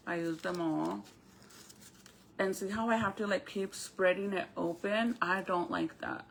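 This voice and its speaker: Bright-voiced woman talking with a retainer in. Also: fairly low pitch. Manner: speaking with a retainer in her mouth; informal, conversational, addresses viewers directly. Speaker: crafter hosting a live stream. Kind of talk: casual live-stream chat, explaining a craft to viewers.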